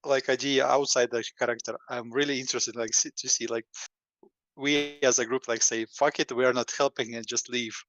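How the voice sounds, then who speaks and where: A man's voice: mid-range voice, fairly even intonation, fairly quick, a bit bright, no echo. A man playing a tabletop game over voice chat, speaking loosely with lots of filler words. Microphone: mic on a voice call with internet lag. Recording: dull lo-fi voice-call audio.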